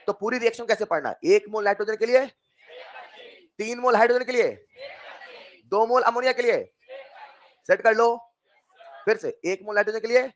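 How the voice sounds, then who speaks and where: A man, coaxing dear children with question after question. He jumps into loud, animated emphasis on the key points. The sound is dull and lo-fi. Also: high voice. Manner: coaxing, repeats questions to students, calls them dear children. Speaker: chemistry teacher. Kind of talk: online class lecture.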